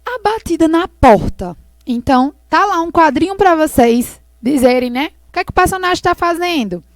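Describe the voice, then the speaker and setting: A woman English teacher explaining slowly and patiently, repeating words for her students in a recorded lesson. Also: high-pitched, animated, no room sound.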